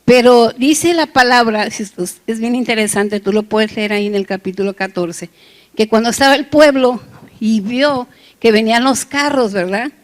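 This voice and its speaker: Casting: woman lay preacher, higher voice, chatty sermon that keeps checking in with the room. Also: normal speed. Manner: engages the congregation with constant "right?" and "yes?" check-ins; conversational and joking between scripture points.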